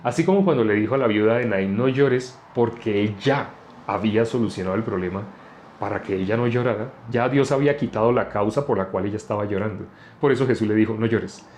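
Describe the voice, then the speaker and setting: A man's voice: lowish voice, a little fast, darkish tone, slight background noise. A man preaching an informal Bible teaching. He talks in a conversational way and keeps asking his listeners questions. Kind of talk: informal sermon on a live stream.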